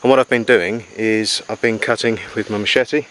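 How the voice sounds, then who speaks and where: Out in the jungle by a river, a man talks to camera for his survival diary, explaining things methodically and matter-of-factly without a script. His lowish voice is a bit bright, fairly even, and at normal speed; the rough recording picks up faint insect noise and jungle ambience with crickets.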